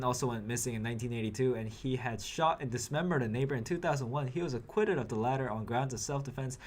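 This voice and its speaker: Wry young male news anchor. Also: medium pitch. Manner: editorial, wry commentary. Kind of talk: news report with personal asides.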